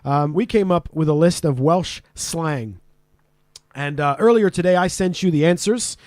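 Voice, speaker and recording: A man's voice: a little high, normal speed, darkish tone, no echo, studio quality. A man hosting a casual podcast, swearing freely and laughing often. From Canada. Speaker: podcast host.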